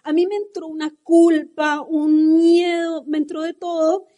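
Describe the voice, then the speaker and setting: A woman's voice: extremely high pitch, flat delivery, measured pace, mellow. A middle-aged Colombian woman with a Colombian accent, passionately telling her story in a motivational talk to a live audience. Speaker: motivational speaker.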